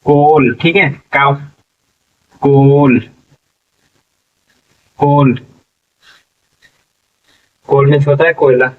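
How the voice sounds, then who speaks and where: Man teaching english spelling letter by letter, slow and steady, mic kinda far, muffled sound. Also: a little high. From India. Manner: spells words letter by letter, often says "ठीक है". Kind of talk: slow spelling-out classroom lesson.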